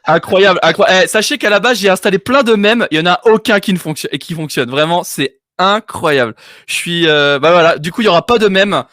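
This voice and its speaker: Male streamer, bright animated delivery, dry close mic, self-deprecating jokes. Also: sits high, fast, hardly any pauses, dry recording. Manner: joking, self-mocking, animated. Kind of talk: casual live stream chat.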